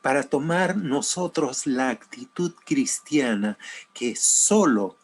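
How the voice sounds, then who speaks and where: Slow-speaking male pastor telling a story. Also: mid-range voice, lively intonation, slight background noise. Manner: slow, dramatic swings between loud and hushed. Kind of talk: sermon with storytelling.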